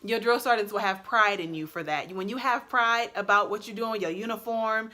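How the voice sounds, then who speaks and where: A woman's voice: mid-range voice, normal speed. A young adult woman who served in the army, chatting expressively and laughing often as she gives casual advice on her vlog. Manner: chatty and expressive, laughs often, loud and bold when excited. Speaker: vlogger and army soldier.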